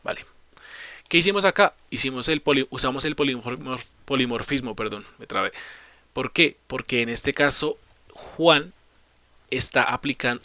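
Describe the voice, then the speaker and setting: A man leads a coding tutorial in a bright, clear voice, explaining each step patiently. He asks rhetorical questions and answers them himself, and fixes his small slips on the fly. Keyboard typing can be heard in the background. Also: mid-range voice, no echo. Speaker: programming teacher. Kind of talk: screen-recorded coding tutorial.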